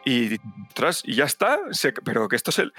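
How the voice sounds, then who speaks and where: Brief: man in podcast banter, bright forceful voice, lively storyteller, faint music behind. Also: mid-range voice, moderate pace, slightly rough, no room sound. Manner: animated storytelling with acted asides. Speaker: podcast host. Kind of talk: casual chat.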